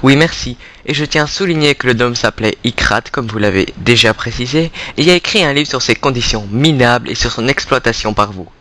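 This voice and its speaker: A man's voice: mid-range voice, fairly quick, hardly any pauses, pushed and bright. A man hosting a mock radio show, presenting news and sports in announcer style.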